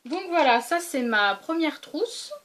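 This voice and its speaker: A woman's voice: sits high, expressive, unhurried, a bit bright, slight background noise. A young woman casually showing her weekend travel toiletries in a vlog, chatty, with many fillers and restarts. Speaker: beauty vlogger. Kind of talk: casual show-and-tell vlog.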